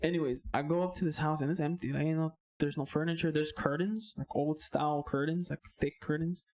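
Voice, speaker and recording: Man, podcast guest, animated storytelling, swears freely, slips into spanish slang, dry close sound. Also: on the high side, brisk, no echo. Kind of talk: casual storytelling chat.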